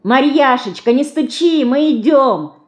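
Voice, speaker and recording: Woman doing a lively headstrong little girl, high voice, bossy and eager. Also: measured pace.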